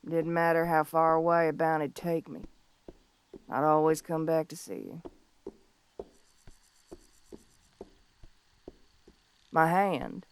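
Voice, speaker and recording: A woman playing a young, tough but tender tomboy bounty hunter of the Old West in an audio role-play, speaking in a folksy, halting, heartfelt way. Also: deep voice, smooth, no room sound. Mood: fond, earnest. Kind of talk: scripted audio role-play monologue, intimate and slow.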